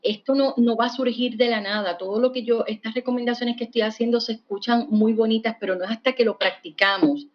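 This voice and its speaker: A woman's voice: fairly high pitch, steady tone, brisk, hardly any pauses, highs cut off. A woman psychologist, a guest on a podcast, explaining patiently and often checking in with a "right?". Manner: warm explanatory, asks "¿verdad?" often. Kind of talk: podcast interview.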